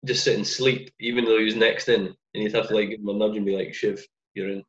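A man's voice: on the low side, fairly even intonation, fast talker. A man from Scotland who is a cricketer guest, chatting in a laid-back way with short replies on a podcast. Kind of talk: casual podcast chat. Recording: dull, muffled sound.

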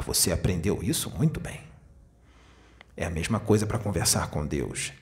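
A man with a Brazilian accent delivers a spiritual sermon in a fairly low voice. He talks slowly and deliberately, leaning on rhetorical questions to his listeners. His teaching has a measured, patient flow. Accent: Brazilian Portuguese. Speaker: spiritist medium giving a teaching.

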